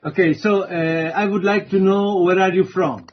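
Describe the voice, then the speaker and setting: A man's voice: sits high, fairly even intonation, highs cut off. A man giving an online introductory university lecture, hesitant and full of fillers. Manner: slow, hesitant, many fillers.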